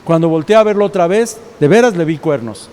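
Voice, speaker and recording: A man's voice: a little high, expressive, brisk, a little mellow, smooth, in a large hall. A man with a Mexican accent, preaching a sermon as pastor and telling stories. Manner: storytelling preacher, acts out quoted voices.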